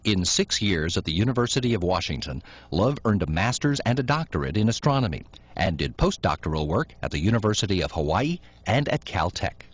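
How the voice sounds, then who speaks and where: A man reading scripted documentary narration in a measured, informative way. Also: low voice, very animated, husky, no room sound. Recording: dull lo-fi recording, dry.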